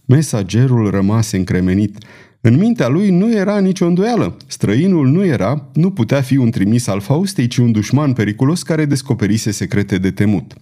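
A male audiobook narrator with a warm, mellow voice. He tells the story in a steady, even storytelling delivery. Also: mid-range voice. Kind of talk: scripted narration.

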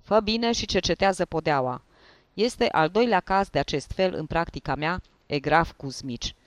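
A man playing an irritable, bossy middle-aged male investigating judge in a read-aloud story. He talks curtly and scolds, his voice slightly high, recorded dry and close. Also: lively intonation, no echo, natural voice. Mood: stern. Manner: curt, scolding.

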